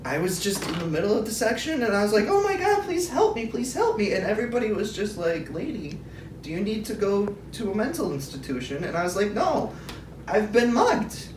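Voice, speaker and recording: Eccentric old grandmother, played by a woman, grandma voice, swooping pitch, rambling and indignant; noisy room recording. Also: sing-song, a little fast, darkish tone, close to an everyday voice. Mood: indignant, distressed. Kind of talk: improvised comedy role-play. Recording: roomy, noisy, distant mic.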